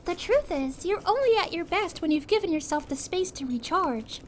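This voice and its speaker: A woman voicing a sweet, caring young princess in a calming roleplay, speaking to a friend in a gentle, reassuring, chatty way. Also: very high-pitched, moderate pace, a little hiss or hum. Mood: soothing, encouraging. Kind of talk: calming ASMR audio roleplay.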